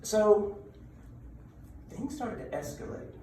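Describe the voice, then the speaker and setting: A man giving an informal talk of ghost stories and local legends, conversational, with dramatic pauses and check-ins with his listeners. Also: sits high, animated, warm tone, recorded from a distance. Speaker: public speaker telling local ghost stories. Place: indoor room at a library talk. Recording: echoey room from afar, background noise.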